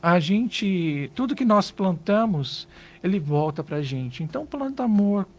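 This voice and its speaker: High-voiced Brazilian man giving earnest advice. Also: sing-song, a little slow. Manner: earnest, advising, rhetorical questions. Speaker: psychologist guest. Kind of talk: radio interview advice. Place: radio studio.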